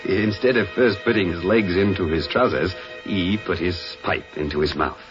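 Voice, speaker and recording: A man's voice: deep voice, moderate pace, lightly acted. An actor playing an earnest young sailor who narrates his whaling voyage in literary, dramatised audio drama style. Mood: earnest, storytelling. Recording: dull lo-fi radio drama, loud music.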